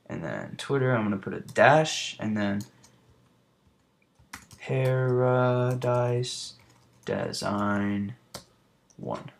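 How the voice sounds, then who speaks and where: A man's voice: fairly low pitch, creaky. A young man talking casually through a design tutorial, rambling and muttering to himself as he works. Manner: rambling, mutters under breath while working. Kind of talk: casual screen-recorded tutorial.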